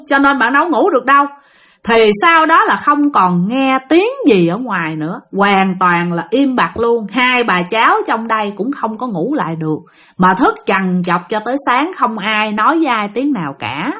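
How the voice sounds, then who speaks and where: A woman's voice: on the high side, normal speed. A woman with a Southern Vietnamese accent narrating a ghost story, talking straight to her listeners. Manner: animated, addressing listeners directly.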